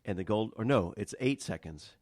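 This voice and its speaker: A man's voice: lowish voice, lively intonation, moderate pace, a little mellow, dry recording. A man hosting a business radio interview in a studio, chatty and joking, with many fillers. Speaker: radio show host. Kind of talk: casual interview chat.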